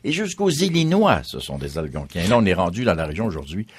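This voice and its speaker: A man's voice: deep voice, very animated, quick pace, slightly rough, no room sound. A man, a history guest explaining at length in a radio interview and listing names one after another.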